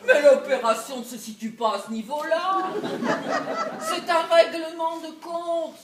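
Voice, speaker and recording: A scorned wife, fiery and scheming, played by a woman on a theatre stage in a live comedy. Her voice sits high, and her speech is slow and deliberate. She laughs through her plots and drops to low asides. The sound is roomy and picked up from a distance. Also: steady tone, over a noisy crowd, heavy background noise. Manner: laughing, swinging between loud outbursts and low asides. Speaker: stage actress. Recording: echoey stage recorded from far off.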